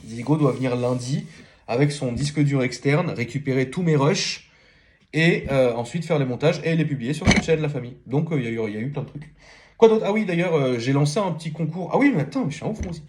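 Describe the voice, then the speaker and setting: A man's voice: fairly high pitch, fast, darkish tone, slight background noise. A man, chatting casually in a late-night vlog, rambling with lots of fillers and slang. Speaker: car YouTuber.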